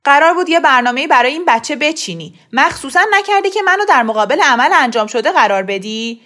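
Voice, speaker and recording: A woman reading aloud plays an enraged middle-aged father, anxious about his standing and harsh toward his family. His lines come loud and high-strung, raised in a running, scolding quarrel, in a storybook reading. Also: animated. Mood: angry, scolding. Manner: shouting angrily, scolding.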